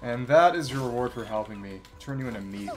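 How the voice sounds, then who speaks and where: A medium-pitched man speaks briskly as a game streamer, chatting casually and musing aloud during play. Video game music runs underneath.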